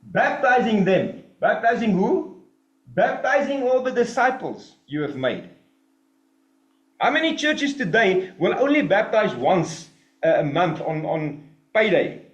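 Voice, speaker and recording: A man's voice: high-pitched, a little slow, muffled recording. Male preacher, emphatic sermon delivery with sarcastic asides, echoing room. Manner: animated, emphatic, mocking asides. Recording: roomy echo.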